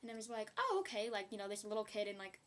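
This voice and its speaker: A woman's voice: medium pitch, little pitch movement, rapid-fire. A young woman chatting casually in a beauty haul video, rambling with giggly asides. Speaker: beauty vlogger.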